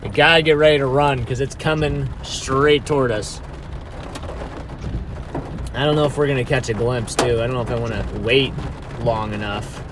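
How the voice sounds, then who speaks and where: A storm chaser livestreamer gives casual but urgent live commentary to his viewers, watchful and repeating himself. His mid-range voice has fairly even intonation at normal speed with frequent pauses, and clear vehicle and outdoor ambient noise fills the recording.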